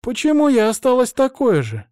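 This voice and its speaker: A man voicing a brash young dragon girl in human form, speaking shrilly and excitedly. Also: very high voice, moderate pace, no room sound, clean studio sound, pitched above the performer's own voice, heavily acted. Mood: eager.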